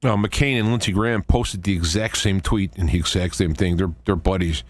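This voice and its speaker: A radio talk show host with a fairly low voice delivers a monologue of informal political commentary, halting often and drifting into conversational asides. The space sounds dry and close, with no echo.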